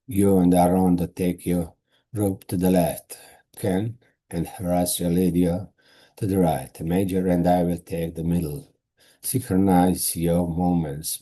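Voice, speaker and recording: A man reading as a steady space lieutenant. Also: low-pitched, breathy edge. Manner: slow careful reading with stumbles. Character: calm male lieutenant, loyal and steady.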